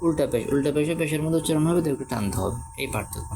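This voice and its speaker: A man's voice: on the high side, lively intonation, very fast, gravelly. Man drilling letter sounds, noisy recording. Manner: quizzes listeners with short questions. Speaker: Quran reading teacher. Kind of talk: Quran reading lesson. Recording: noisy background.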